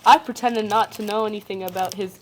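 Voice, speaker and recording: On a casual podcast, a young adult woman who isn't a native English speaker reads a ghost story aloud in a mid-range, steady voice against a noisy background. Her reading is halting, and she breaks off to joke and laugh.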